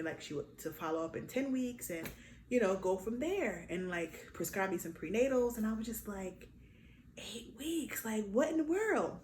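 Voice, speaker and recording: A young adult woman tells a personal story in a relaxed vlog, switching into lively quoted voices. Her voice has a mid pitch. The room adds a noticeable echo, with a faint hiss behind it. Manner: animated, acts out quotes with big pitch jumps. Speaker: vlogger. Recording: echoey room with faint noise.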